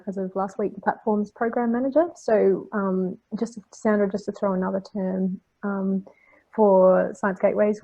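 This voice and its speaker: A woman's voice: medium pitch, vocal fry, dark tone. Upbeat woman on a dull call line. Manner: friendly, upbeat, with fillers and laughs. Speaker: program manager. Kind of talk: online meeting introduction. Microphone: video call.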